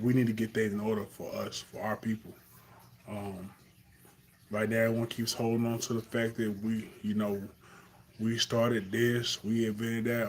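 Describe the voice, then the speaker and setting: Speaking off the cuff in a live stream monologue, a young man from Carolina with a Southern accent talks earnestly, with fillers and restarts, in a fairly low-pitched voice.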